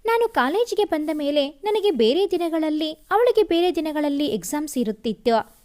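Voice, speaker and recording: A woman reading the lines of an affectionate young husband who gently soothes and teases, in a storybook reading. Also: extremely high pitch.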